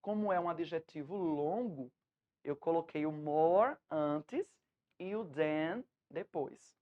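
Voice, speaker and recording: Brazilian teacher, female, low-set voice, patient step-by-step explainer, slightly muffled lo-fi recording. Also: animated, slow pace. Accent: Brazilian Portuguese. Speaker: English teacher. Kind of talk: remote classroom lesson.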